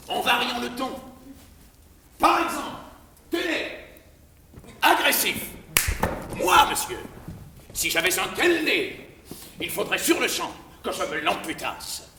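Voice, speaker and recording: A man's voice: very high voice, pushed and bright, full character voice. An actor playing a proud, witty swordsman who mocks his own huge nose in classical verse, declaimed as a hammy stage performer with grand flourishes. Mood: scornful, theatrical. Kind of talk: classical French verse theatre monologue. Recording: very echoey hall, distant mic, background noise.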